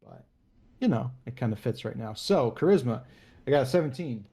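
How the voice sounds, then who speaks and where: A man's voice: mid-range voice, lively intonation, fairly quick, creaky, dark tone, slightly rough. A man playing a tabletop game, chatting casually with a hesitant, stammering delivery.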